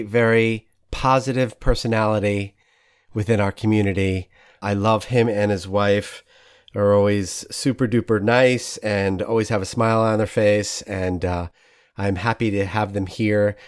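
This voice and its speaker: A man hosting an interview podcast, enthusiastic and rambling, laughing often with his guest. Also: mid-range voice. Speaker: podcast host. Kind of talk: casual interview chat.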